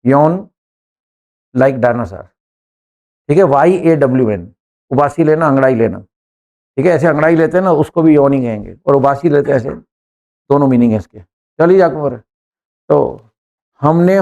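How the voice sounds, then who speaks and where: Guy teaching english class, kinda gravelly, slightly high voice, calls on students. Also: a little mellow. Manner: joking, quizzes students by number.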